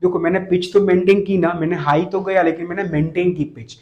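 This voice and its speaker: A man's voice: high voice, steady tone, a little fast, dull audio. A man giving a casual spoken lesson as a voice coach, who repeats his points and asks the viewer short rhetorical questions. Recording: echoey room.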